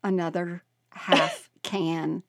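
A woman's voice: lowish voice, little pitch movement, drawn-out words, no room sound. A woman podcast co-host reading a listener's story aloud, often breaking into laughter and exclamations.

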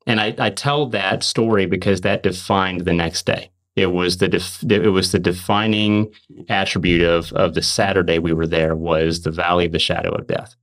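A man on a podcast telling an earnest faith testimony, emphatic, often restarting and repeating words. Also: deep voice. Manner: emphatic, fast and repetitive restarts. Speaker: podcast host.

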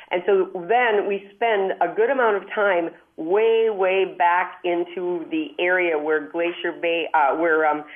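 Brief: woman host on a speakerphone, tinny phone-line sound, lowish voice, chatty and eager to explain. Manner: chatty, upbeat, explains at length. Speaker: travel show host. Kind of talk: call-in radio advice. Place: hotel room far from studio, calling in.

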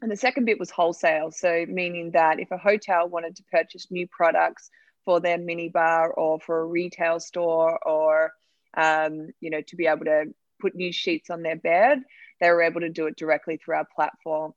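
A woman's voice: lowish voice, little pitch movement, normal speed, dry recording, highs cut off. A woman from Australia, a startup founder, talking candidly in a podcast interview with many fillers.

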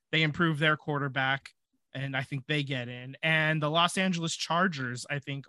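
Man, podcast co-host, bright tone, dry close sound, casual and full of restarts. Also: a little high, no echo. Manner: thinks aloud with fillers and restarts. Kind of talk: casual sports chat.

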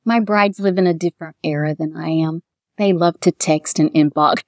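A middle-aged woman with a Kentucky accent, a bridal shop owner talking warmly and at length in a casual interview. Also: deep voice, moderate pace, no room sound, clean studio sound. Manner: chatty, heartfelt, quotes others in lively voices.

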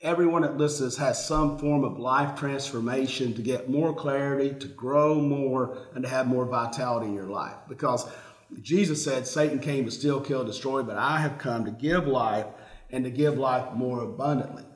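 Encouraging pastor hosting, roomy echo. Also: male voice, mid-range voice, normal speed. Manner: warm, encouraging, preacherly. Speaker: pastor and host. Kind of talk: church talk show.

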